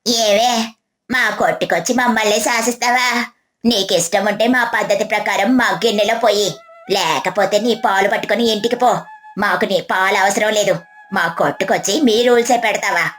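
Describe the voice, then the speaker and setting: A woman voicing a greedy, sharp-tongued shopkeeper's wife who talks dismissively. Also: medium pitch, normal speed, close to an everyday voice.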